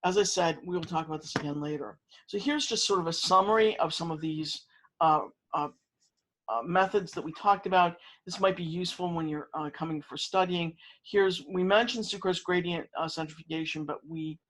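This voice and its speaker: A man's voice: fairly high pitch, fairly bright tone, low-quality recording. A man lecturing to students, talking through methods with frequent fillers and restarts. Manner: halting, many fillers and restarts. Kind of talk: university lecture.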